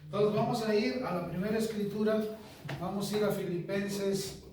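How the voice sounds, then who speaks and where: A man pastor teaching a sermon, measured, repeating key phrases and putting questions to the congregation. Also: high voice, darkish tone, slight background noise. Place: church hall. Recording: echoey church from far off.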